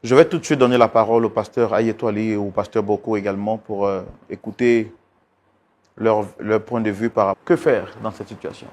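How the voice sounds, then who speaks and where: A man hosting a talk show, who keeps repeating apologies and calming words and pleads with a guest. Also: fairly low pitch, a little fast. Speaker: host.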